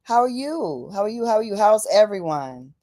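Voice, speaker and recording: A woman's voice: mid-range voice, very animated, normal speed, warm tone, dry recording, clean studio sound. A woman hosting a livestream, talking casually and fervently, repeating phrases for emphasis and calling out to "y'all". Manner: casual, many fillers, says "y'all". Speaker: livestream host. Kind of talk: impassioned livestream talk.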